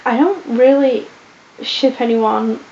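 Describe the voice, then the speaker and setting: A sleep-deprived young woman vlogger rambles through viewer questions in a casual Q&A, using a put-on posh British accent and lots of ums and restarts. Her croaky voice sits on the high side, slow and warm. The lo-fi audio is dull and echoey, with faint hiss.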